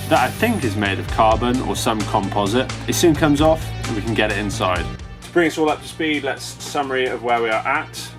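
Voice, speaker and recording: Man, mid pitch, workshop narration over music, steady and matter-of-fact. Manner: matter-of-fact, self-deprecating. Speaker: car build vlogger. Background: music in the background.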